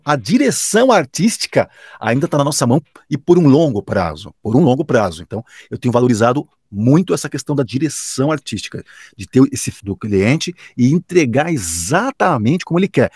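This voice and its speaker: Lively husky Brazilian announcer man. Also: mid-range voice, a little fast, no echo, studio quality. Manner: enthusiastic, emphatic, with frequent restarts. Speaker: professional announcer and radio director. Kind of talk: casual interview answers.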